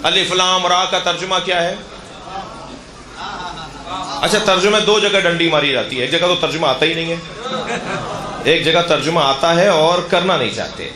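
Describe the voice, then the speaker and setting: A religious scholar giving a sermon in a challenging, mocking way, laughing often. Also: male voice, on the high side, pauses often, roomy sound, background noise. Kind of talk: debating sermon.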